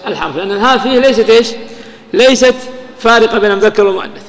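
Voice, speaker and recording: A man's voice: sits high, very fast, long reverb tail. A man teaching a grammar lesson, explaining step by step and asking his students questions he answers himself. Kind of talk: classroom lecture on grammar.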